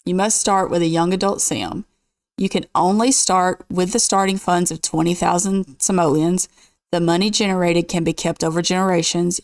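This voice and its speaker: A woman hosting a gaming channel, chatting casually and reading game rules aloud at an easy, even pace. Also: fairly low pitch, no room sound, studio quality.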